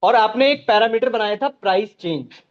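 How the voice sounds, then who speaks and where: A man's voice: high-pitched, normal speed, dull audio. A man teaching a live online class, walking students through each step and checking in with them as he goes.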